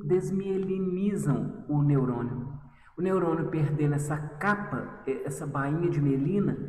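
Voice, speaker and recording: Chatty teacher in an echoey room. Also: male voice, a little high, mellow, recorded from a distance, slight background noise. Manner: chatty, teasing, talks to students as "gente". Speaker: histology teacher. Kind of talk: lively video lesson.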